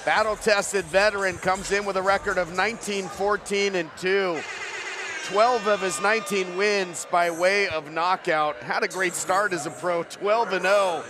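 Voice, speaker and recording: High-voiced male boxing play-by-play commentator. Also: fairly even intonation, unhurried, music in the background. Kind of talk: live sports commentary.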